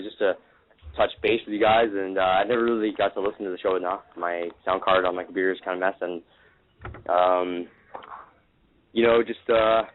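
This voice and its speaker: A man calling in on speakerphone, talking in a loose, rambling, friendly way after a few beers. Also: fairly low pitch. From Canada. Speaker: caller. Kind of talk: casual chat. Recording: tinny speakerphone line with faint hiss. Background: friends in the room.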